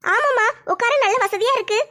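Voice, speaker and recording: A very high, bright-toned young college girl, as a woman acts her out, talking fast and eagerly. She asks question after question in a homemade comedy skit, with quick chatty delivery. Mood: curious. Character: young female college student, sweet and eager daughter.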